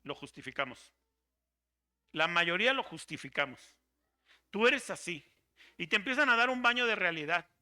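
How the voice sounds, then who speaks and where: A man's voice: high voice, expressive, normal speed, long pauses, sharp tone. A man preaching a sermon as pastor, dramatic and theatrical, acting out the voices of the people he quotes.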